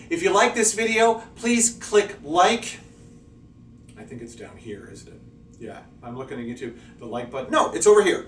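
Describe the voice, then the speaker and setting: A man's voice: high voice, slight background noise. Man teaching English in an echoey room. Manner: lively, checks in constantly with "okay?" and "right?". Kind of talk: classroom-style video lesson. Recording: echoey room, voice a bit far off.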